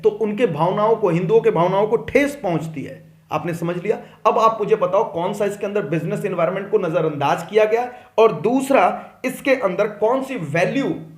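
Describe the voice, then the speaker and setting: A man's voice: high voice, roomy sound. A man teaching commerce in an online class, reading case questions and pressing students for answers.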